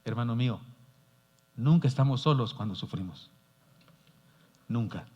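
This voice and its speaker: A man preaching a sermon as pastor, telling a story in an earnest, animated way. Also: mid-range voice, measured pace, husky. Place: church sanctuary. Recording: dull sound, long church reverb.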